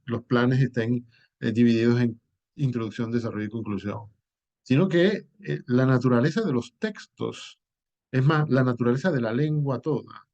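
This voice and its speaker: A man, a teacher giving a classroom lecture. He explains at an unhurried pace, often pausing on "eh" and restarting his words. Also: mid-range voice, darkish tone. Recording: dull lo-fi recording.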